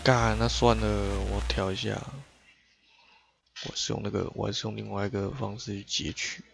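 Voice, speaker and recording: A man's voice: fairly low pitch, little pitch movement, normal speed, gravelly, fairly bright tone, slightly rough. A man streaming a game live, muttering to himself and cursing as he fiddles with his settings. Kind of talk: live gameplay stream chat.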